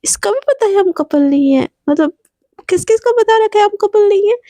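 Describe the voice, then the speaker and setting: A woman's voice: extremely high pitch, lively intonation, normal speed, mellow, no room sound, voice pushed up. A woman voicing Sara, a jealous young woman who answers in a curt, sarcastic way.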